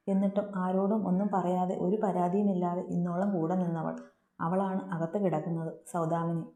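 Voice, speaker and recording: A woman narrating a serialized family story in a steady, earnest reading voice. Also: fairly low pitch. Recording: roomy echo.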